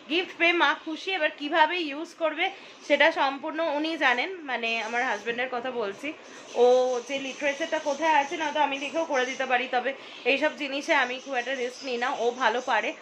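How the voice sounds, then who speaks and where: A young woman vlogging casually at home, chatting brightly about food and a family surprise gift. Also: sits high, a little fast, a little hiss or hum. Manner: chatty, lively, whispers while planning a surprise. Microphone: phone camera.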